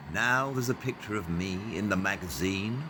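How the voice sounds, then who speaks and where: An actor playing Sherlock Holmes, a shrewd and superior detective with a dry, deliberate delivery in an audio drama. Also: male voice, deep voice, noisy background. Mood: brisk, irritated.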